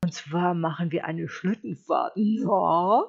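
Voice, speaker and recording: A woman puts on a smooth-talking storybook wolf who lisps and speaks with exaggerated courtesy. The voice sits low and husky, unhurried, a little muffled in the recording. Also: exaggerated voice. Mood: suave. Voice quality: deep, lisping, overly polite. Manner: slow, suave, mock-courteous. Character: sly, smooth-talking hungry male wolf. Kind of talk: storybook reading.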